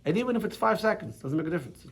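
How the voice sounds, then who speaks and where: A man's voice: high-pitched, animated, racing, creaky, breathy edge. A man teaching a religious class as rabbi, chatty and full of restarts and asides. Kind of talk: Torah lesson with casual storytelling. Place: classroom with students.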